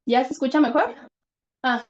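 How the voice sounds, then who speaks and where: A woman's voice: sits high, normal speed, highs cut off. A woman giving an online class lecture over a video call, her audio choppy and cutting out as she explains and keeps checking whether she can be heard.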